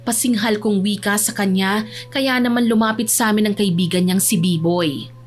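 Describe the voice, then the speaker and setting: A woman's voice: mid-range voice, fairly even intonation, normal speed. A woman narrating a first-person story in an earnest, dramatic way.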